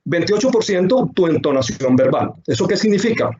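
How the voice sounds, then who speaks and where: Guy teaching sales on a webinar, keeps repeating lists and asking questions, kinda high voice. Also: sing-song, a little fast, darkish tone, highs cut off. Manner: repetitive, emphatic lists and rhetorical questions. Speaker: sales trainer, webinar speaker. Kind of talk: webinar presentation. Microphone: computer microphone on a video call.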